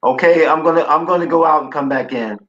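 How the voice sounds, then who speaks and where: A man's voice: on the high side, a bit bright, lo-fi sound. A man chatting casually on an online group call, his mic crackling and cutting in and out as he halts and restarts his words. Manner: halting, repeats and restarts words. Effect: mic cutting in and out with a crackly loose connection. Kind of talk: casual chat. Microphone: computer or phone mic on a video call.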